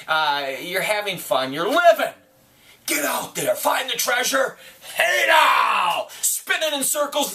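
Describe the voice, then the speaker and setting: A man in his forties, an excitable collector rambling through an unscripted pep talk, cursing freely and bursting into shouts. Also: mid-range voice, far from the mic. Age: 40s. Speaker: collector vlogger. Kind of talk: unscripted motivational monologue. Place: indoor collection room.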